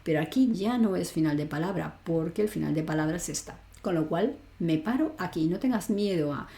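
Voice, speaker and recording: A woman's voice: lowish voice, expressive, brisk, creaky, mellow, roomy sound. A woman teaching a French grammar lesson online, explaining step by step and often checking in with the learner. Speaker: language teacher.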